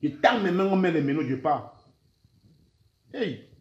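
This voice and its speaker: A man's voice: fairly high pitch, lively intonation, measured pace, a little mellow, roomy sound, highs cut off. A man from Cameroon with a Cameroonian French accent, mixing in Camfranglais, delivering a heated, threatening rant for social media and repeating the same words.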